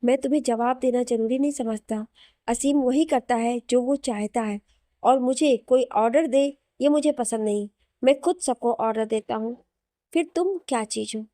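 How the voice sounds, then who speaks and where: A woman's voice: a little high, moderate pace, mellow, no room sound, studio quality, close to an everyday voice. A woman voicing an arrogant, angry young husband who talks curtly and bossily. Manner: curt, irritable, bossy.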